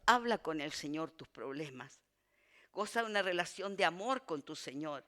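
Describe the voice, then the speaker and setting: Man, pastor, discipleship teaching, earnest preacherly delivery, slightly higher voice, hushed phrases and rising exhortations. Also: in a large hall. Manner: earnest, preacherly, drops to a hush on key phrases and swells when exhorting. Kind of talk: sermon-style Bible teaching.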